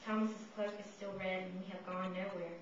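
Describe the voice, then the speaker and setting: A woman giving a poetry reading, reciting her own verse in measured, solemn short phrases. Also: mid-range voice, level tone. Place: reverberant indoor room, live reading. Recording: distant, muffled, echoey room with noise.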